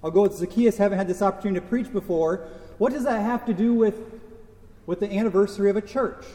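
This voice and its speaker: A man with a high, mellow voice delivers a sermon from the pulpit. He talks in a conversational way, tossing in rhetorical questions and wry asides. The sound rings through a church with a long, echoing reverb. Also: quick pace. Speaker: pastor.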